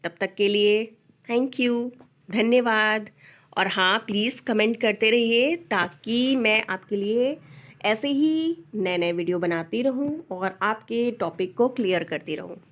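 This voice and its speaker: A woman leads a Hindi alphabet lesson, taking her time over every letter. She speaks slowly, in a fairly high voice, and checks in with her learner again and again. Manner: patient, repeats letters and asks "ठीक है?". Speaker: Hindi teacher. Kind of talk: slow explanatory lesson.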